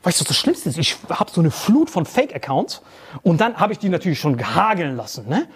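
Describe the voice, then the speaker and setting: A man telling a story in a casual podcast chat, animated and full of swearing and mocking impressions. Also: on the high side, slightly rough. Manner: fast bursts, often laughing.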